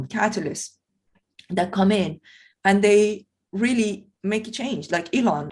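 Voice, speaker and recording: Low-voiced woman. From Iran. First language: Persian. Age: 40s. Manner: earnest, personal, thinks aloud with many fillers. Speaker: podcast host. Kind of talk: reflective conversation.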